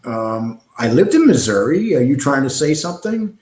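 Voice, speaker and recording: A man's voice: mid-range voice, big pitch swings, moderate pace, darkish tone. A middle-aged man from New hosts a casual live stream, rambling and reading chat with frequent ums and uhs. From New York. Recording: echoey room.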